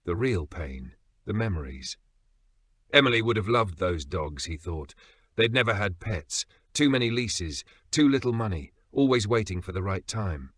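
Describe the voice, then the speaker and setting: A man with a lowish voice tells a dramatic story in earnest, suspenseful scripted narration, pausing for effect. His tone is bright and forceful, recorded close and dry with no room sound. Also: expressive, husky, no echo.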